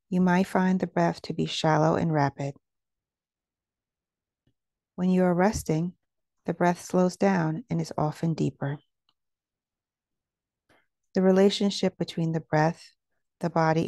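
A woman with a mellow, soft-edged voice, slightly low and lightly creaky, leads a meditation in slow, soothing, measured phrases. The recording is very dry and close, with no room sound.

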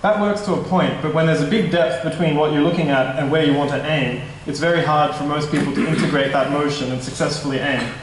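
A young tech startup presenter walks a meetup crowd through his product, casual and a bit nervous, often fixing his words mid-sentence. His voice is slightly high for a man, and he talks briskly with hardly a pause. The stand mic sits at a distance, so the sound is far off and soaked in heavy hall echo over faint room noise.

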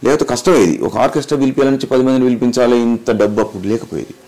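Talking very fast in a mid-range, darkish voice, this middle-aged man is a mimicry artist being interviewed. His explanations come across as emphatic lectures in which he poses questions and answers them himself.

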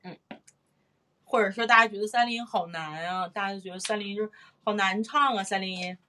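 A woman's voice: mid-range voice, brisk. A middle-aged woman vocal teacher giving a live-streamed singing lesson, repeating phrases and sounding out rhythms. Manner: lively, repeats phrases, sings and claps out rhythms.

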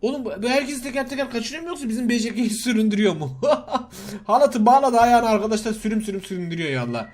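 A young man giving excitable gameplay commentary, laughing and shouting in alarm as he talks to his viewers. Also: high-pitched, racing. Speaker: gaming YouTuber.

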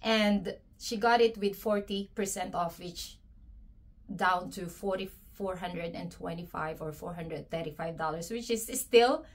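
A young adult woman vlogging an unboxing of gifts, gushing and excitable, repeating her delight over each item. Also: lowish voice, a little slow. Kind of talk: casual unboxing vlog.

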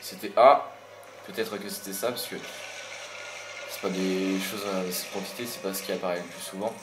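This gameplay commentator is a young man whose low voice holds a steady tone at normal speed. He chats and rambles casually over the game, a bit irritated, swearing mildly now and then. Game music sits behind his roomy-sounding voice.

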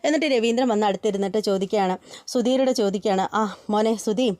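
A woman's voice: medium pitch, quick pace, warm tone, no room sound. A woman retelling a family serial episode in a chatty, repetitive way, with many "she says" tags. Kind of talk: storytelling recap.

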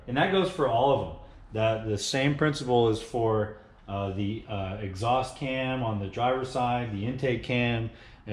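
A man in his thirties with a voice on the low side explains cam timing in a casual engine-building tutorial. He's plain-spoken, with frequent uhs and restarts. He's in a home garage with cars and a car lift, and the sound echoes.

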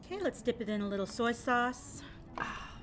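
This is a chatty young woman talking through each bite of a casual food review she's vlogging from an outdoor restaurant patio. Her voice is on the high side, with lively intonation and a moderate pace. Music plays in the background amid the noisy patio ambience.

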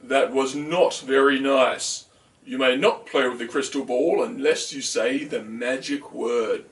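A man voicing a stern, wise male owl in a children's story, speaking slowly and in a lowered voice. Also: steady tone, far from the mic, natural voice. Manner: slow, stately and lower-pitched.

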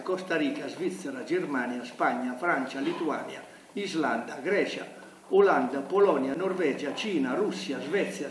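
A man's voice: on the high side, far from the mic. An older man speaking bluntly and indignantly at a press conference, with a polemical manner. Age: older, about 70s. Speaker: festival director at a press conference. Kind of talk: press conference speech, reading from notes and arguing. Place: hotel conference room. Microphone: table gooseneck microphone in a roomy hall. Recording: roomy hotel hall, off-mic, background noise.

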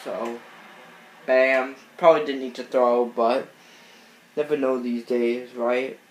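Slow and steady, this mid-range voice belongs to a sniffling gaming channel host narrating baseball video game footage from off-screen. The casual commentary rambles, packed with fillers and restarts, and the room sounds echoey with a little noise.

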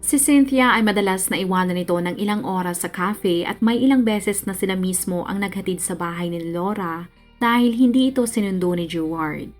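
A woman narrating a true-crime story in a steady, measured, scripted way. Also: mid-range voice. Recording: faint background music.

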